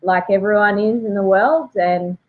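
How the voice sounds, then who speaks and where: Over a tinny, narrow-band call comes a woman in her thirties with a broad Australian accent. Her voice sits at an average pitch, and she talks in an informal, slangy, joking way, like a guest chatting on a casual interview. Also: normal speed. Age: 30s. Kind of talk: casual chat. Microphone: remote video call. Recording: thin, phone-like call audio.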